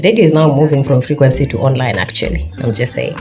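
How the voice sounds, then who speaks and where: A woman's voice: extremely low pitch, animated, fast talker, over music. A woman with a Kenyan accent hosting a radio show, chatting playfully and teasing her guest in a studio. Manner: playful, teasing, laughs often. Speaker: radio host. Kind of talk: casual radio chat mixing English and Swahili slang.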